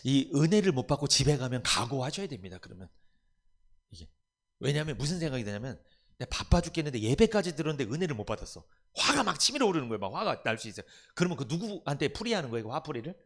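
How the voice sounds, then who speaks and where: A man's voice: medium pitch, very animated, fast. A man pastor preaching a sermon in church, asking the congregation rhetorical questions and acting out family members' voices. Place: church sanctuary.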